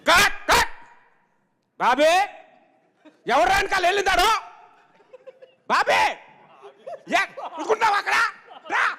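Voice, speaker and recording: A man's voice: very high voice, lively intonation, slow, creaky, long pauses, big-room sound, full character voice. A man imitating an impatient male film director who scolds his crew. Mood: scolding. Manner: shouting, scolding, bossy. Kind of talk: stage impression.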